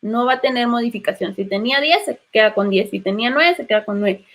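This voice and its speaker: A woman's voice: fairly high pitch, fast talker, fairly bright tone. A woman with a Guatemalan Spanish accent teaching literature in an online class, patiently prompting students with questions.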